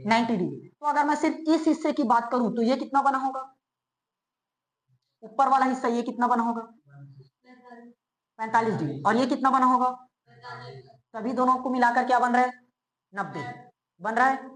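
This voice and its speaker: A male physics teacher giving a classroom lecture. He keeps asking quick checking questions and answers them himself, and he repeats key terms slowly. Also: very high-pitched, a bit bright. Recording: roomy echo, as if in a bare classroom.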